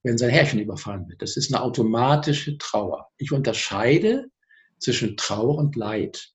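A man, a speaker on personal growth, explaining his ideas as a guest in a TV interview, lively and full of examples. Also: medium pitch, moderate pace, muffled recording.

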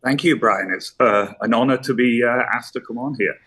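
A middle-aged man with a Yorkshire English accent, a pipe maker chatting as an interview guest, self-deprecating and quick to laugh. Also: mid-range voice, a bit bright, husky. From Leeds, West Yorkshire, England. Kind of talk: casual interview chat.

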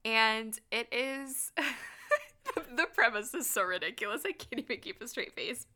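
Animated woman giggling through book talk. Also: fairly high pitch, a little slow. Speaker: podcast co-host. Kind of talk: casual book chat.

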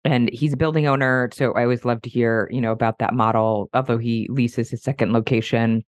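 A middle-aged woman with a cold and a hoarse, mostly lost voice, chatting upbeat as a podcast host introducing her guest. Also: extremely low pitch, fairly even intonation, brisk, no room sound.

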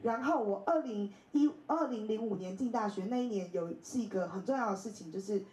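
This Taiwanese woman in her thirties, an invited speaker in a bookstore event space, recounts personal anecdotes with lots of laughter and impersonations of the people she quotes. Her medium-pitched delivery is brisk and animated, captured on a low-quality, roomy recording.

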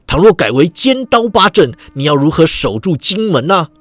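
A smug, sly scholar, as a man voices him in a storybook tale speaks lower and softer than the telling, leaning in to confide. His tone still rises and falls freely. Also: very animated, moderate pace, no room sound. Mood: showy. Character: sly male scholar bluffing expertise, smug.

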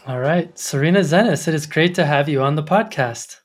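With faint music in the background, a brisk, slightly high-voiced man from Colorado runs a casual interview on his photography podcast. He's chatty and keeps restarting sentences and using fillers.

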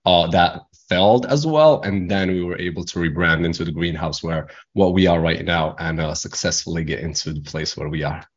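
A young man from Morocco speaks in a very deep voice, English being his second language. He rambles through his answers with frequent fillers and false starts. The recording is a little dull and lo-fi. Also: steady tone, moderate pace, few pauses. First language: not English. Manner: rambling, many restarts and fillers. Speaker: guest entrepreneur. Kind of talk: casual interview talk.

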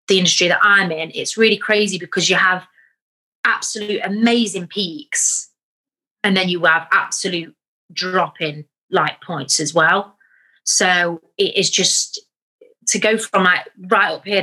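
Bright chatty young woman. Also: fairly low pitch. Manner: chatty, candid, self-deprecating storyteller. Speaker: actor. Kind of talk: casual interview chat.

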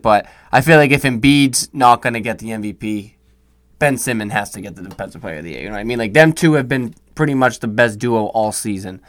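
Young dude talking nba awards, mid voice, dead dry mic, keeps saying you know what i mean. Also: male voice, medium pitch, no room sound. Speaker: podcast co-host. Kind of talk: casual sports chat.

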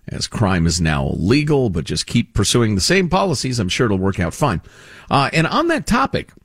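A male talk show host delivering sarcastic, opinionated commentary. His pitch swings widely as he talks, often restarting his sentences. The recording is dry and close to the mic. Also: dry recording. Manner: sarcastic and animated, with frequent restarts.

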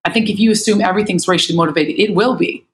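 A middle-aged American woman in casual panel talk, an animated storyteller who acts out what people said. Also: medium pitch, racing, crowd noise, rough recording. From United States. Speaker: panel guest.

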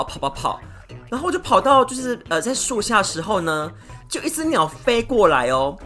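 A woman hosts her own podcast, talking straight to her listeners in a chatty way. Her voice sits a little low, but her pitch swoops widely. Faint music plays under her talk. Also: bright, forceful tone. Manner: chatty, many drawn-out filler particles, addresses listeners directly. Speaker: podcast host. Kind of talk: solo podcast chat.

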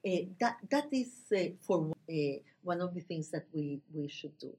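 A native Spanish-speaking woman with a Latin American accent discusses ideas in halting non-native English with a husky voice, searching for words. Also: on the low side, animated, a little mellow. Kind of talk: spoken discussion.

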